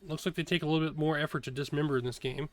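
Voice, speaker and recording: A man's voice: on the high side, fairly even intonation, very fast. A man giving casual, informal first-impressions commentary as a streamer, talking in a hesitant way. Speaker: video host, streamer reacting to a game trailer.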